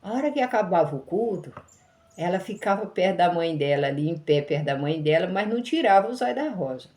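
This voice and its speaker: A woman's voice: on the low side, lively intonation, brisk, darkish tone. A mother telling a personal story in a casual, colloquial way, repeating phrases for emphasis.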